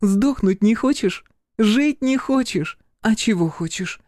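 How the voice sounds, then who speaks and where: A man voicing a fierce, scornful young girl in an audiobook, mocking and shouting at a boy. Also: high-pitched, normal speed, dry recording, clean studio sound, pitched above the performer's own voice, natural voice. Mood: furious. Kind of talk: audiobook character voice.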